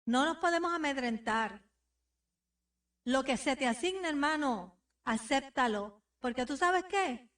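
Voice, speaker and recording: A woman's voice: high-pitched, animated, unhurried, a bit bright. A woman pastor preaching a sermon, exhorting the congregation directly with repeated phrases. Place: church sanctuary. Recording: voice somewhat distant from the mic.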